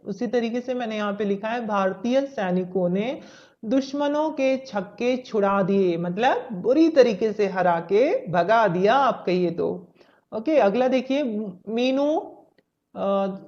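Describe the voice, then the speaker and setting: A woman's voice: mid-range voice, a little mellow. Patient woman teaching young children. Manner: patient, explains step by step, mixes in English words. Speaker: Hindi teacher. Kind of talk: textbook lesson for young children. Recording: slightly dull lo-fi audio.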